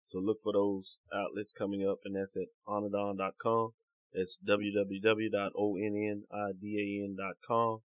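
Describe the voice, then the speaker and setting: Flat-voiced man on a tinny phone line. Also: lowish voice, moderate pace, dry recording. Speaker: sports commentator guest. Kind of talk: reading out contact details.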